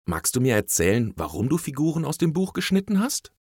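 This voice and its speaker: A man voicing a patient, caring mother who speaks softly and soothingly in a storybook reading. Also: medium pitch, big pitch swings, fairly quick, slightly rough, dry recording, clean studio sound, voice pushed up. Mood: gentle. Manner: soft and soothing, briefly stern.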